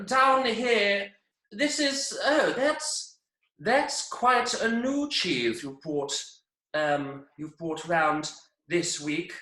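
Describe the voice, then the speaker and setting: A woman's voice: fairly high pitch, fairly bright tone, roomy sound, poor audio. A woman playing a fussy, effusive male chief food judge who lingers over every word, in an improvised comedy over a video call. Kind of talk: improvised comedy role-play.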